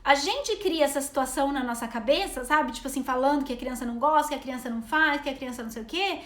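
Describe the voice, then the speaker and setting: Fast-talking high-voiced Brazilian woman. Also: fairly bright tone, reverberant. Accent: Brazilian Portuguese. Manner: chatty, rambling, reading out comments. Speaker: travel vlogger and mother. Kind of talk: casual live-stream chat with viewers.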